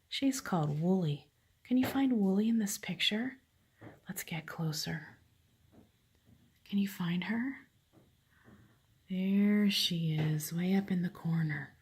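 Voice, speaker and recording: An older woman reading a picture book to her grandchild at home, talking quietly and half-whispering. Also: on the low side, breathy edge. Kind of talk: hushed storybook reading.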